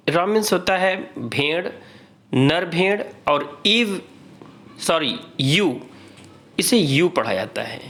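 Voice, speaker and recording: A man's voice: on the high side, fairly bright tone. A man with an Indian accent teaching an exam-prep grammar lesson, reading out word pairs and drilling students to repeat them.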